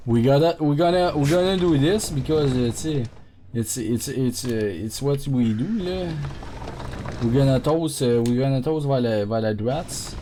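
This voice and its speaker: A man's voice: a little high, warm tone, slight background noise. A young man with a Québécois accent doing casual, joking commentary while streaming a game. He mutters to himself and mixes in English phrases. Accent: Québécois French. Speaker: gaming streamer.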